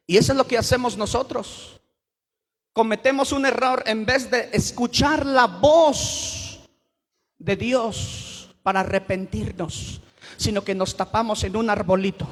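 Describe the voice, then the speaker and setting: A male pastor delivering a sermon, breaking into sudden shouts for emphasis. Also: extremely high pitch, in a large hall.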